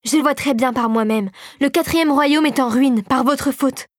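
A determined young girl in a storybook, speaking up defiantly with a lifted, higher voice, voiced by a woman reader. Dry, close recording. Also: moderate pace, no room sound, lightly acted.

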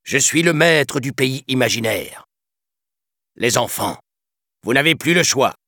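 A man's voice: fairly low pitch, normal speed, slightly rough, no room sound, clean studio sound, pitched above the performer's own voice. A man voicing a sly, vengeful pirate captain in a storybook reading, honeyed and scheming, then gloating.

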